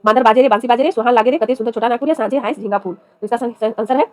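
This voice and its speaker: An exam-prep teacher speaks fast in a fairly high voice, reading quiz questions and their options one after another and then announcing each correct answer. The recording is dry, close, and free of echo.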